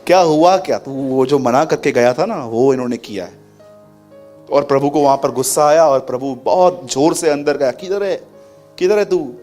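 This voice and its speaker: A man preaching a sermon, telling stories in a lively way and acting out the people in them. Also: medium pitch, normal speed, soft background music. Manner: lively storytelling that acts out people's voices.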